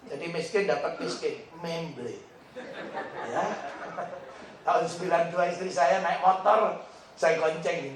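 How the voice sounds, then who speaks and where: A middle-aged male pastor, preaching a humorous sermon as an animated storyteller who laughs often. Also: fairly high pitch, a little hiss or hum. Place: large hotel function hall. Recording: echoey hall, mic at a distance.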